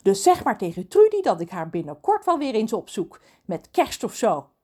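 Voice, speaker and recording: A woman's voice: mid-range voice, big pitch swings, normal speed, mellow, slightly rough. A woman voicing a vain, bossy female mermaid who is 357 years old, talking in a haughty, commanding way.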